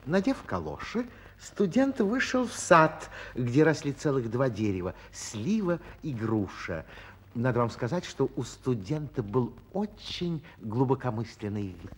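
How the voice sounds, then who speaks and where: An actor playing a playful magical storyteller, narrating a fairy tale in a theatrical, teasing and suspenseful way. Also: male voice, medium pitch, big pitch swings, a little slow. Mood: confiding. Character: playful magical storyteller addressing listeners and characters.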